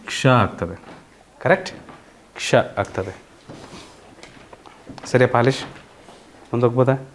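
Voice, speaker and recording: A man with a Karnataka accent teaching a slow, patient online grammar lesson, often asking students whether they understand. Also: medium pitch, a little hiss or hum. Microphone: computer mic on an online class call.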